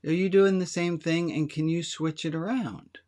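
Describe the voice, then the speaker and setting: A man's voice: a little high, fairly even intonation, moderate pace, darkish tone. Chatty, candid man leading a service. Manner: candid, self-deprecating, chatty. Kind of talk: conversational sermon with congregation.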